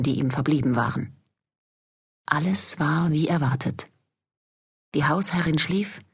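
A woman narrates a fantasy audiobook in a deep, husky voice. Her reading is measured and steady, with the pacing of scripted storytelling.

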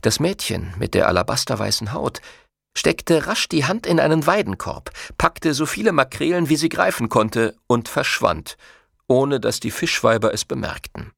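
A male audiobook narrator reads a novel with a lively, varied melody. His voice has a gravelly edge and sits at a middle pitch. The recording is dry and close. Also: moderate pace, dry recording. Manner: expressive storytelling. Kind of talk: scripted narration.

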